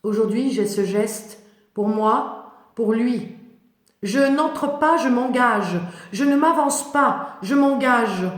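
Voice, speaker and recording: A woman's voice: on the high side, slow. Woman performing defiant, devoted biblical outcast woman, echoey. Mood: fervent. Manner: solemn, emphatic, declamatory. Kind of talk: dramatic biblical monologue. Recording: echoey, reverberant room.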